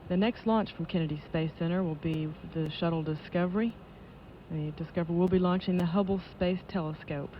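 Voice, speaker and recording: Woman, launch control announcer, measured official delivery, slightly low voice, dull noisy lo-fi audio. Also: steady tone. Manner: measured, official, matter-of-fact. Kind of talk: live launch commentary, status updates. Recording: dull lo-fi broadcast audio with noise.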